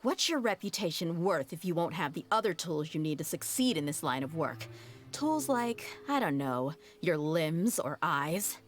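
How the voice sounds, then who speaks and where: A tough female desert mercenary in a video game, speaking low and even. She is blunt and steady, and her threats come out cool rather than loud. The voice sits deep for a woman. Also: moderate pace. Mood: menacing. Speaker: game character.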